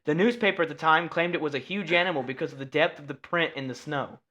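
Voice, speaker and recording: A man with a bright, fairly high voice co-hosts a casual podcast. He reads his notes aloud, trips over unfamiliar names and laughs at his own slips. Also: quick pace, lo-fi sound. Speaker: podcast co-host. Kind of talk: casual chat, reading research aloud.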